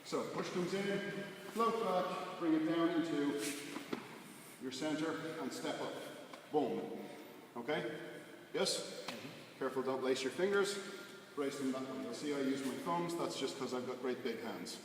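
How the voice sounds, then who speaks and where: A man's voice: fairly high pitch, normal speed. Echoey, distant male martial arts instructor. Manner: short, clipped instructions. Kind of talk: hands-on class demonstration with casual explanation. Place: large echoey indoor training hall. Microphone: distant camera microphone. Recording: echoey hall from afar, clear background noise.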